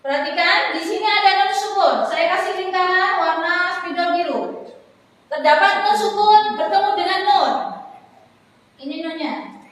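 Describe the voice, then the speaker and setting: A woman teaching Quran recitation, explaining rules patiently and chanting each example slowly several times. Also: extremely high pitch, a bit bright. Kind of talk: classroom lesson on recitation rules. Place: room in a foundation office, marking a board. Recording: echoey hall, voice far from mic.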